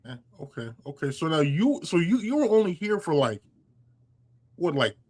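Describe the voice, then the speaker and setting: A young podcast host with a fairly high, mellow-edged, very animated voice rambles through his memories in a casual interview chat at normal speed, full of fillers and restarts.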